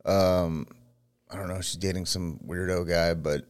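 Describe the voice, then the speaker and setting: A man's voice: deep voice, fairly even intonation, a little slow, clear, resonant tone. A man in his forties co-hosting a podcast, chatting casually and joking with plenty of swearing. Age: 40s. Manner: swearing, joking, loud bursts. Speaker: podcast co-host. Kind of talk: casual chat.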